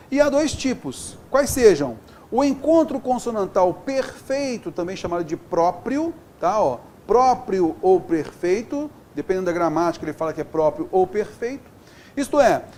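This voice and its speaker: Over slight background noise, a man with a high voice and a Brazilian accent walks his class through Portuguese grammar one step at a time. He stays lively and keeps asking "beleza?" and "tá?" to check on his students.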